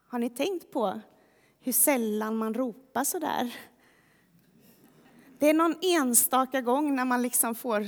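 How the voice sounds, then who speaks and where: A woman's voice: on the high side, big-room sound. A woman preacher giving a sermon, retelling a story in a vivid, conversational way.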